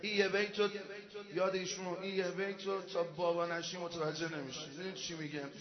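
High-voiced man chanting a lament. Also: little pitch movement. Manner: chants verses slowly, then speaks quickly and quietly to the crowd. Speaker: eulogist leading a mourning ceremony. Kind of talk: sung religious lament with spoken asides. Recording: echoey hall, dull sound, music behind. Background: music.

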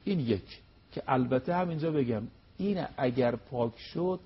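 A man's voice: medium pitch, lively intonation, muffled recording, slight background noise. A man preaching on a religious TV program, emphatic and full of rhetorical questions. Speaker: cleric guest on religious TV program.

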